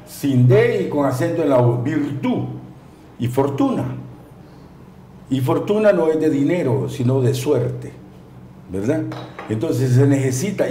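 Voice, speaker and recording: A man's voice: on the high side, dark tone, echoey room, a little hiss or hum. A man explains political theory in a professorial way on a studio talk show, often ending with tag questions. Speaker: political analyst.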